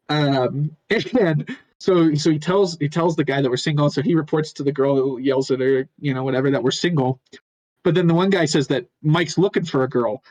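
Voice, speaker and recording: Brief: young male co-host, slightly high voice, dry close mic, rambling chuckling storyteller. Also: dry recording, poor audio. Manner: rambling, halting, chuckles often. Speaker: podcast co-host. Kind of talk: casual storytelling.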